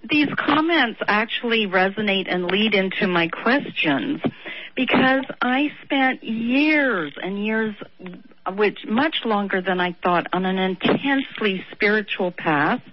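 A woman in her early sixties calling in to a radio show, talking earnestly and haltingly. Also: mid-range voice, animated, lo-fi sound. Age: 60s. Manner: earnest, halting, laughs easily. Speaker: caller. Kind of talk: call-in radio chat.

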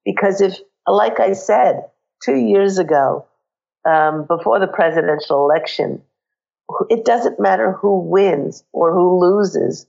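Woman radio host with a gravelly cold-worn croak, earnest spiritual monologue, muffled audio. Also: on the low side, takes it slowly, darkish tone. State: hoarse from a cold.

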